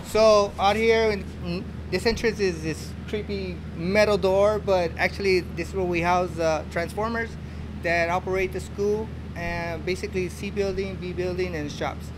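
Speaking at a normal speed in a high, steady voice, a man in his fifties who supervises a school's plant gives a casual, explanatory walking tour of a stairwell and a basement electrical room. It was recorded on a noisy handheld interview mic, and the concrete basement echoes.

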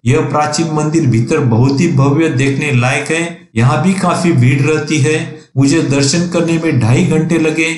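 A man with a fairly high voice reads out a travel vlog in a steady, scripted way, giving practical tips as he goes. The voice-over sounds echoey, with a faint hiss behind it. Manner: steady, plainly read narration with practical tips. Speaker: travel vlogger.

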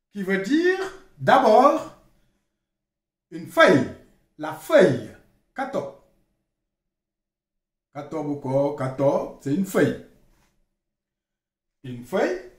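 A man with a high, lively voice leads a slow language lesson. He repeats each word and spells it out carefully, and the room around him gives off a clear echo. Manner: repeats words slowly, spells them out. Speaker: language teacher.

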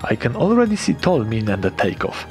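A young paragliding vlogger narrates his flight in an enthusiastic, casual first-person voice-over, swearing freely now and then. His mid-range voice swings widely in pitch, is a little mellow, and moves a little fast, with faint music in the background.

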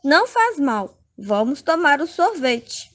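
A woman's voice: sits high, very animated, takes it slowly, full character voice. A woman voicing a timid, eager young boyfriend who talks in a hesitant, polite way, for a narrated comic.

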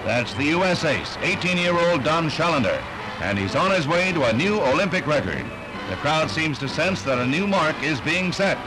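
A man narrating a 1960s newsreel, giving brisk, punchy scripted sports commentary. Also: on the high side, expressive, low-quality recording. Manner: brisk, punchy announcer delivery.

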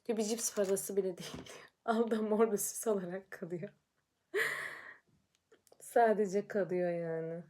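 A young adult woman vlogging casually while doing her makeup, chatty and quick to get frustrated, then calming herself down. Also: medium pitch.

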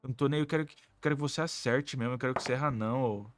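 A man's voice: medium pitch, racing, noisy background. A man with a Brazilian Portuguese accent giving live gameplay commentary as host of a gaming channel, complaining in an exasperated, whiny way with slang and swearing.

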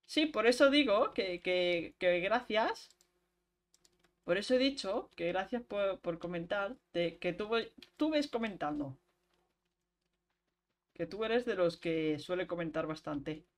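A woman's voice: mid-range voice, expressive. Chatty streamer woman. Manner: chatty, talks to chat while playing, quick laughs. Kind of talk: casual gameplay chat.

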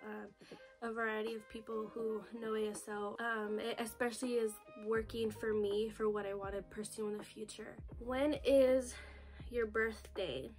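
A woman's voice: a little high, little pitch movement, normal speed, darkish tone, soft background music. Nervous young woman on a phone video. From United States. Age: 20s. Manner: nervous, chatty, full of "like" and "you know". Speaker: vlogger. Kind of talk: casual get-to-know-me vlog. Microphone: phone camera video.

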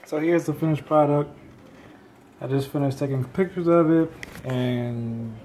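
A man with a mellow, warm tone talks casually to his viewers while cooking. He rambles in a relaxed way, padding his talk with fillers. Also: a little high, unhurried, soft background music. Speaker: vlogger, father.

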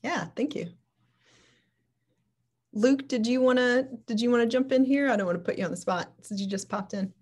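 A woman's voice: a little high, moderate pace, pauses often, darkish tone, husky. A woman moderating a casual online book club discussion, chatty and thinking aloud over a video call.

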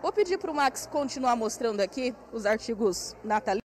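A woman in her thirties with a Brazilian Portuguese accent does a live TV field report at an indoor craft fair, using a handheld station mic. Her voice is fairly high, animated and a little fast, with slight background noise. She's chatty, walking and pointing as she guides viewers around.

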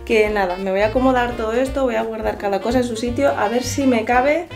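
Background music plays as a young Spanish woman talks fast in a higher voice, showing her shopping in a casual kitchen vlog. She's lively and self-mocking, filming on a handheld camera near her face.

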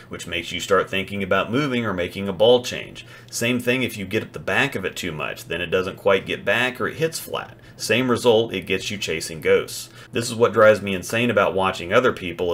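A bowling instructor with a low, deep voice narrates an instructional lesson in a steady, scripted voice-over. He stays matter-of-fact and analytical as he walks through each mistake. There's slight background noise.

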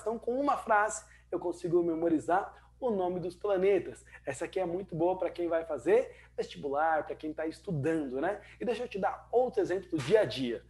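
A male English teacher with a Brazilian Portuguese accent, his voice sitting fairly high. He gives an online lesson in a lively way, talking straight to the viewer and asking himself rhetorical questions.

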